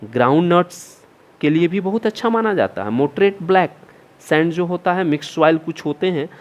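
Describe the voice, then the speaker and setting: Middle-aged male teacher, fairly high voice, lecture delivery that quizzes and answers itself. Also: animated, moderate pace. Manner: asks and answers his own questions, mixing in English terms. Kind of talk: classroom lecture.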